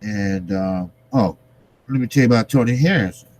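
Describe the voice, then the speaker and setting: A man's voice: lowish voice, darkish tone, a little hiss or hum. A man hosting a casual boxing commentary for live viewers, speaking informally with slang and repeating his phrases for emphasis. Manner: repetitive, emphatic phrasing with trailing pauses; informal, slangy, occasional swearing. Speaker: boxing vlogger, host.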